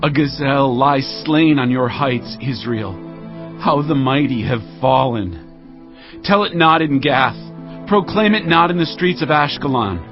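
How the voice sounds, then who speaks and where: An actor playing a commanding, grief-laden biblical warrior king in a dramatized audio Bible, declaiming slowly and solemnly. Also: medium pitch, highs cut off, over music, close to an everyday voice. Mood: anguished, mourning. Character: David, grieving, commanding warrior king of Israel.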